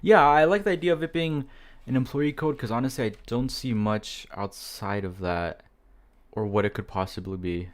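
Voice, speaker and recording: A man hosting a casual livestream from a home setup, talking into a desk mic at an ordinary middle pitch. He is chatty and quick to apologize, laughing often as he talks with his guests. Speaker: livestream host.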